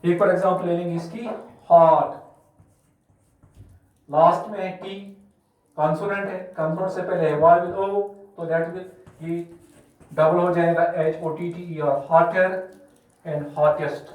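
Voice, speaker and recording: A man from Kashmir teaches a grammar lesson in a slow, unhurried way, saying each example twice and spelling words letter by letter. His voice sits high for a man. He is heard from some distance in a strongly echoing room. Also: fairly even intonation, a little mellow. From Kashmir, India. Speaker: school English teacher. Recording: echoey room, mic far off.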